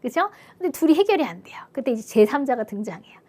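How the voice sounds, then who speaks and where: A woman's voice: high voice, sing-song, quick pace, a little mellow, husky. A woman teaching ethics, walking through exam questions in a chatty lecture, often checking in with her listeners. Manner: chatty, asks "그쵸?" often, acts out little quoted voices.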